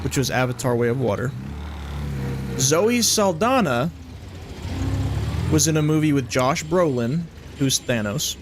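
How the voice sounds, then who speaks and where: A man's voice: medium pitch, animated, unhurried, pauses often, noisy background. A young man casually commenting while streaming a game, rambling and joking. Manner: chatty, rambling, jokey. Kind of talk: casual live gameplay commentary.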